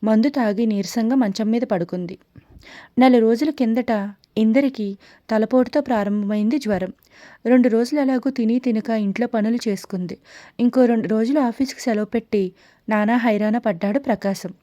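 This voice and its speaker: Brief: woman audiobook narrator, calm, slightly high, warm tone, dry close mic. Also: moderate pace, no room sound, dull audio. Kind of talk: scripted narration.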